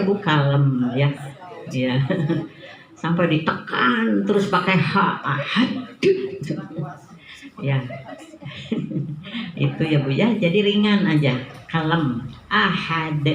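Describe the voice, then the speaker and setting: Slow, echoey woman teaching recitation. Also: on the low side, animated. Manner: patient, demonstrates recitation slowly, chuckles often. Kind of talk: tajwid lesson to women's study group. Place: study-group room indoors. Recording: echoey room.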